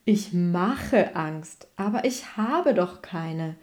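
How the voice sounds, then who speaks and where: A woman's voice: on the low side, animated, very slow, a little mellow. A woman voicing a big, amused, boastful male lion in a storybook reading.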